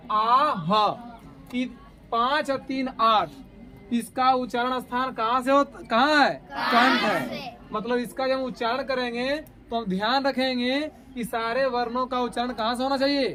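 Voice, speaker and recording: High-voiced man teaching a grammar lesson. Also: bright, forceful tone. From India. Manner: asks students questions and answers himself; drawn-out sounding of letters.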